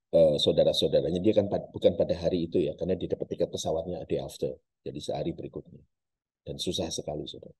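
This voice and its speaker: A man's voice: extremely low pitch, mellow, husky. A male pastor preaching a sermon, telling a story dramatically and addressing his congregation directly. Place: church service.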